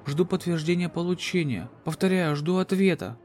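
A man's voice: a little high, moderate pace, a little mellow, voice pushed up, natural voice. A man playing a desperate wounded spaceship captain, urgent, strained and commanding, in a sci-fi horror audio drama. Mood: urgent alarm.

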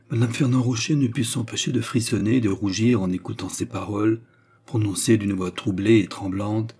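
A man narrating a classic novel as an audiobook in a measured, even way. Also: fairly low pitch, husky.

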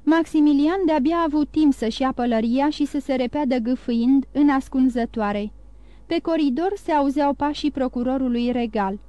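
A woman narrating an audiobook in a steady, measured reading. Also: high voice, no room sound, highs cut off.

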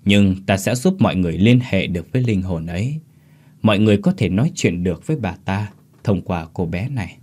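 A man's voice: low voice, expressive, brisk, a little mellow. A man voicing a stern old exorcist master who speaks in grave, solemn pronouncements.

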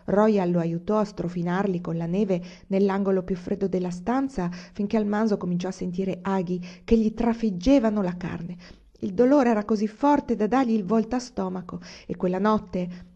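A woman reading a novel aloud as an audiobook narrator, in an even storytelling manner. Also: mid-range voice. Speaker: audiobook reader. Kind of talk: scripted narration. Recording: dull lo-fi recording.

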